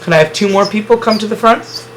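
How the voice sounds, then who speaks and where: A man's voice: high voice, fast talker, fairly bright tone, slight background noise, low-quality recording. A man teaching a phonics lesson to a class, explaining syllables at the whiteboard and praising students often.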